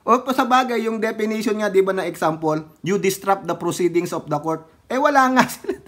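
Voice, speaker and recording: A man's voice: high voice, fairly quick, a bit bright. A man from the Philippines giving casual political commentary, mocking his targets, laughing often and using polite fillers.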